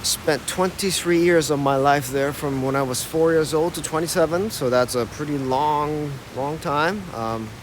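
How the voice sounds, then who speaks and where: This man's voice sits a little high and moves a little slowly, with hardly any pauses and noise in the background. An American-accented guide in his thirties from Ohio, he's chatty and full of fillers as he live-streams a casual walking tour on an old city street, with the phone camera held while walking.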